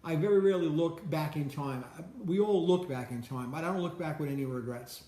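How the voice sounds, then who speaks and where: A man with a slightly high voice gives a loose, rambling monologue that often stumbles and repeats words at the start of sentences. He keeps breaking off to greet people passing by. The sound is roomy and echoey. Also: a little fast, dark tone. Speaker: host. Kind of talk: casual motivational monologue.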